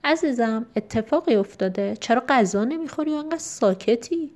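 A woman reading a gentle caring dad. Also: mid-range voice, lively intonation, lightly acted. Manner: soft, caring questions. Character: kind, gentle father.

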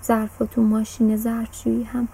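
A woman narrating a children's story in a clear, measured storytelling manner. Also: a little high, completely flat delivery, dark tone, slight background noise, low-quality recording.

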